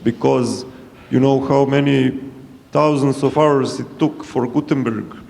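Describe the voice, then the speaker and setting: Gravelly man in a hall. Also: mid-range voice, fairly even intonation, unhurried, darkish tone. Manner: plain, informal questioning. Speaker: audience member asking a question. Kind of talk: conference question. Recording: reverberant hall.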